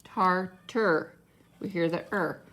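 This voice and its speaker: A woman teacher giving a phonics lesson to young children, animated and full of mock surprise. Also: on the low side, measured pace, creaky.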